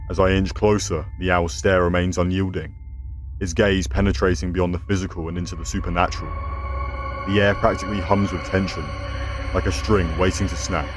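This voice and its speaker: A man's voice: low-pitched, level tone, brisk, music in the background. A man narrating scripted horror stories as a host, with a theatrical, ominous horror-host delivery.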